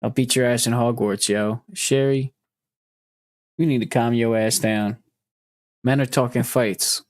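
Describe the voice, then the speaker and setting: A man's voice: mid-range voice, fairly even intonation, unhurried, pauses often, darkish tone, no room sound. A man talking casually on a podcast, loose and profane, cracking jokes as he goes. His voice sits in a middling range, and it's recorded close and dry, with no room sound around it. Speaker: podcast host. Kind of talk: casual chat.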